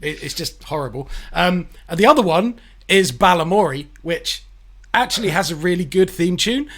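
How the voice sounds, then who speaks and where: A man's voice: high-pitched, lively intonation, moderate pace, a bit bright. A man co-hosting a podcast, complaining casually and swearing.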